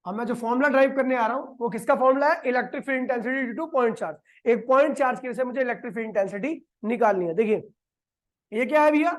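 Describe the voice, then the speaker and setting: High-voiced man teaching a class. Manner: quizzes the class and answers his own questions; slow dictation of definitions. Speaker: physics teacher. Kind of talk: classroom lecture. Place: classroom with a board.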